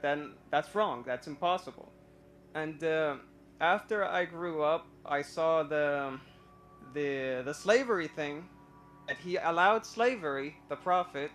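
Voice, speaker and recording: A young Iraqi caller with a slightly high, somewhat bright voice tells a casual personal story on a live stream. He hesitates with frequent fillers and restarts, and says he has stage fright.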